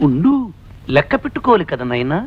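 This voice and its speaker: A cheeky, quick-tongued husband in an old comedy film, trading insults with a sly, mocking edge. The voice sits high and swoops all over its range. The recording is muffled and lo-fi, with a faint hiss underneath. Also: male voice, very animated, husky. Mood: wheedling. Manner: cheeky, trades insults in rapid comic banter. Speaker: comic film hero.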